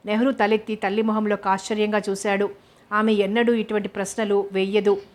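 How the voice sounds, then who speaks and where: A woman narrating a novel as an audiobook, reading in a steady, measured way. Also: mid-range voice.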